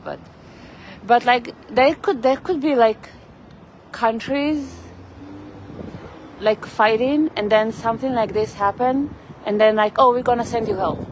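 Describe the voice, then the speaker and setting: A vlogger with a slightly high voice strolls outdoors on a city street, live-streaming a loose, rambling chat and greeting viewers by name. The sound comes from a phone camera she carries, with traffic and street noise behind, and the quality is poor.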